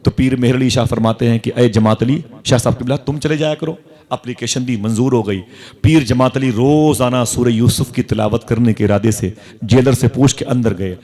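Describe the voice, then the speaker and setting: A male preacher with an Indian Urdu accent delivers an emotional sermon at a live gathering. He tells a story dramatically, climbing into fervent exclamations and drawn-out wailing sighs, at a mid-range pitch. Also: mellow.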